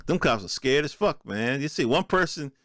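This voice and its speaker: Alone on his podcast, this host speaks in a mid-range, expressive, slightly bright voice at normal speed, recorded dry and at studio quality. His unscripted monologue is casual, streetwise, colloquial, and sprinkled with swearing.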